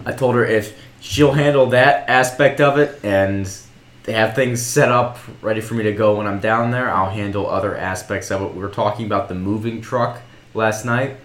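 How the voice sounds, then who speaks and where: A man's voice: lowish voice, fairly bright tone. A young man co-hosting a podcast, talking casually and rambling through explanations. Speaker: podcast co-host. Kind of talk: casual chat. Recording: roomy echo.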